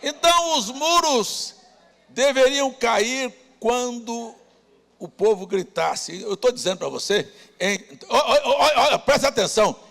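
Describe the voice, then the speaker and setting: A man preaching a sermon as pastor, rousing the congregation with shouted calls. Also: extremely high pitch, expressive, slow pace, vocal fry. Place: church hall. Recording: long church reverb.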